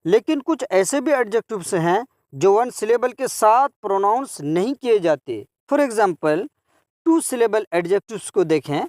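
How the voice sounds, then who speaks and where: Man, English teacher, grammar lesson, slow deliberate drilling, repeats each word form, very animated intonation. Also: high-pitched, dry recording, clean studio sound. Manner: explains and translates for children.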